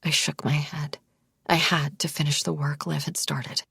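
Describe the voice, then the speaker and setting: A woman narrating a first-person thriller audiobook in a quiet, measured way. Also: deep voice, level tone, gravelly, breathy edge, dry recording, clean studio sound.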